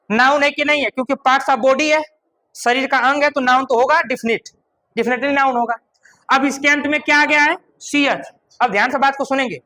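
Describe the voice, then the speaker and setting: High, bright-voiced male teacher. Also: rough recording. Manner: explains step by step, repeats words, checks understanding. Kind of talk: classroom grammar lesson.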